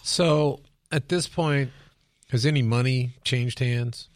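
A male interviewer who presses his guest with probing, slightly wry questions. His voice is at a typical middle pitch for a man, recorded dry and close. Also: slow pace, dry recording. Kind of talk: conversational interview.

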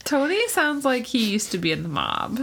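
A woman hosting a podcast in casual chat, jokey and quick to laugh. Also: a little high, very animated, fairly bright tone, slightly rough. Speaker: podcast host.

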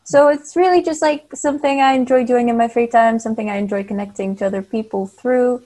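The guest is a Bulgarian cosplayer in her twenties, a native speaker of Bulgarian talking in English during an easygoing interview. Friendly and talkative, she laughs lightly, using a slightly high, mellow voice at a fairly quick pace.

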